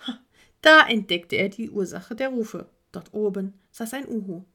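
A woman narrating a children's story in an expressive, dramatic storytelling manner. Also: mid-range voice, unhurried.

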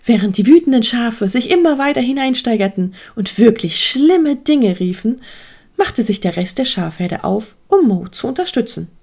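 A woman narrating a children's story aloud with expressive, lively delivery. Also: a little high, normal speed.

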